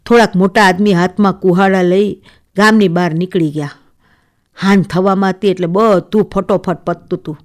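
A woman reading a first-person short story aloud in a steady, measured storytelling voice for a radio serial. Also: lowish voice. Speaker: story reader.

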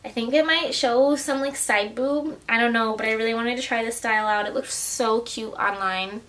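A woman's voice: a little high, steady tone, moderate pace, over music. A woman talking casually in a try-on haul vlog, chatty and gushing, with plenty of "like" and "oh my gosh.". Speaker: vlogger.

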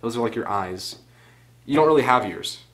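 A man's voice: medium pitch, lively intonation, normal speed, a bit bright. A teenage boy rambling casually in a home vlog, drifting into tangents and joking at himself, recorded on the camera's own mic. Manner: rambling, goes off on tangents, self-mocking. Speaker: vlogger.

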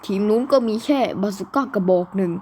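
A woman's voice: mid-range voice, fast, a little mellow, a little hiss or hum, lightly acted. A woman doing a bossy army commander. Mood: commanding. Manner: commanding, archaic pronouns. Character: bossy male army commander giving orders.

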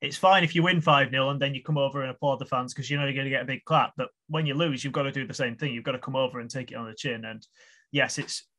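A man's voice: mid-range voice, steady tone, quick pace, pushed and bright. A man hosting a casual football chat over a video call, earnest and rambling, often restarting his sentences. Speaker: podcast host.

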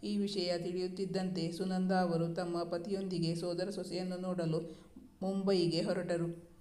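A man narrating a romance novel chapter in slow, even storytelling with small restarts. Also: sits high, roomy sound.

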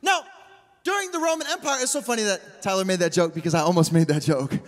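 Guy in his 30s preaching hype sermon, real high voice, slangy, big echoey hall. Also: fast talker. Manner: animated, slangy, call-and-response with the crowd. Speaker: pastor. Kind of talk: energetic sermon. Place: large church stage, indoors. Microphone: handheld mic. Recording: reverberant hall.

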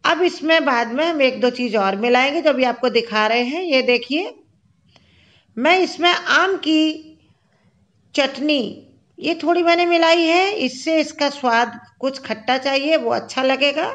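High-voiced woman narrating home cooking. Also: unhurried, a bit bright, dull audio. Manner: chatty, step-by-step explaining. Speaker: cooking channel host. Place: home kitchen.

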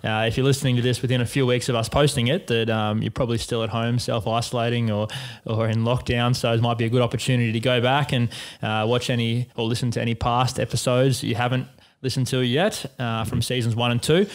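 A fast-talking man co-hosting a sports podcast. He keeps his pitch flat and even and moves briskly from thought to thought. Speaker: podcast co-host. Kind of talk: casual sports podcast chat.

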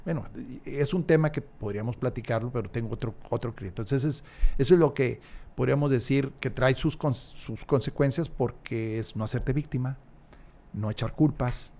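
Gravelly man in his sixties. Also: medium pitch, moderate pace, mellow. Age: 60s. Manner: reflective, emphatic, frequent restarts. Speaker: podcast guest. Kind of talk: casual interview chat. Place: small studio room. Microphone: large desk mic, headphones.

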